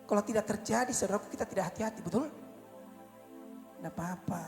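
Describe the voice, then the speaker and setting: A male evangelist preaching a storytelling sermon, swinging from loud cries to low asides, in an echoey church hall with faint music. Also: fast talker. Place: church service.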